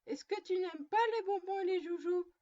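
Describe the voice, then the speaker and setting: A woman's voice: extremely high pitch, normal speed, dark tone, muffled recording, pitched above the performer's own voice. A woman reading a storybook, voicing a little girl who sternly plays mother to her doll, prim and lecturing. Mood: tender.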